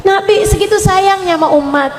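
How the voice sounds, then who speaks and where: A woman's voice: very high-pitched, a little fast. A woman preacher giving a sermon to women, speaking frankly and teasingly as she addresses the mothers directly. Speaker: Islamic preacher. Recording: echoey hall with long reverb, faint noise.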